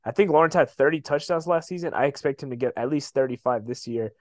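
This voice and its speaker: A man's voice: mid-range voice, fast talker, a little mellow, no echo. Casual, slangy guy talking sports, dry sound. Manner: slangy, profane, says "bro" often. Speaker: sports podcast host.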